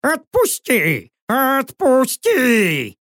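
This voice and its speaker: A man voicing a foul-mouthed old witch who speaks through a mechanical owl, screeching high and swearing in an audiobook. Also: wildly swooping pitch, drawn-out words, a bit bright, dry recording, clean studio sound, full character voice. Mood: pleading. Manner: shrill, squawking and cursing.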